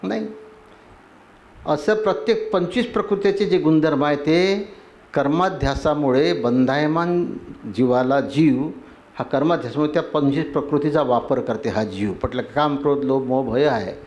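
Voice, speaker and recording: A man's voice: on the high side, moderate pace, darkish tone. Man preaching with rhythmic lists. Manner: asks the audience for agreement; lists terms in rhythmic sequence. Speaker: spiritual teacher. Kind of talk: devotional sermon.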